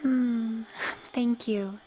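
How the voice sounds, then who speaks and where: A woman's voice: fairly high pitch, steady tone, extremely slow, dark tone, breathy edge, full character voice, rough recording. A woman voicing a lonely, bitter pony princess of the night in a radio drama, speaking in formal, sorrowful diction. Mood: gently grateful. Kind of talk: fan-made radio drama acting.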